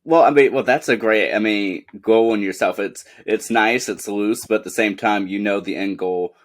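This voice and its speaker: A young male podcast host speaks at a fairly low pitch over a video call. He asks his questions in a friendly, meandering way, often trailing off and padding with fillers. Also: normal speed. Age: young adult. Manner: friendly, hesitant, lots of "you know". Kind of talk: casual interview.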